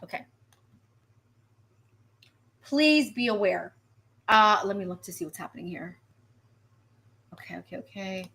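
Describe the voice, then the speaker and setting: A woman meteorologist giving a live weather stream, animated and chatty, repeating herself and reacting to viewer comments. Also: medium pitch, measured pace, pauses often.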